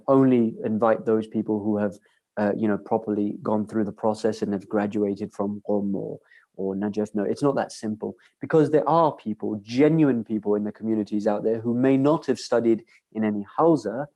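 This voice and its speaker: A man's voice: fairly low pitch, warm tone. A young man answering audience questions in a casual lecture, earnest and conversational, often restarting his sentences.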